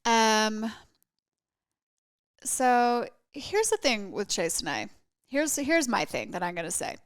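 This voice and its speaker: A woman's voice: a little high, very animated, slow, dry recording, studio quality. A woman co-hosting a podcast in casual chat, candid and playfully teasing. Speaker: podcast co-host.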